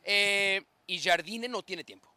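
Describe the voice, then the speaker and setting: A man's voice: high-pitched, slow pace, sharp tone. A man hosting a sports talk show, teasing his co-hosts in a playful way. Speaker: show host.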